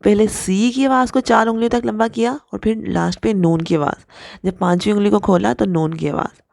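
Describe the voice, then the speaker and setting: A woman's voice: mid-range voice, steady tone, vocal fry, a little mellow, no echo, studio quality. A woman teaching Quran recitation rules step by step. She patiently explains and demonstrates each letter sound. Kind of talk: step-by-step tajweed lesson.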